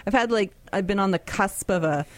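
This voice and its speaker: A woman's voice: medium pitch, brisk, slight background noise. A woman hosting a radio show, chatting casually and laughing often. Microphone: studio microphone.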